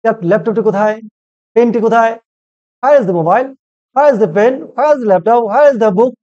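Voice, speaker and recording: A man teaching a spoken English lesson, who asks each question and then says it slowly in English, and keeps calling it easy. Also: very high-pitched, darkish tone, lo-fi sound.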